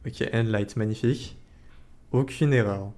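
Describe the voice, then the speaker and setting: A man's voice: on the low side, measured pace, darkish tone. A man casting an esports match live, with casual slangy play-by-play, exclamations and muttered repeated words. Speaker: esports caster commentating a tournament stream.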